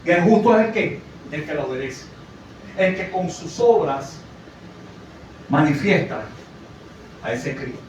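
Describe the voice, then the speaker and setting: A man with a high voice preaches a sermon and keeps checking in with his listeners. He sounds like he is in a very echoey hall, picked up from well away from the mic. A faint hiss sits behind him. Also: expressive, measured pace, long pauses. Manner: conversational, asks the congregation questions. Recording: echoey, from far off, faint noise.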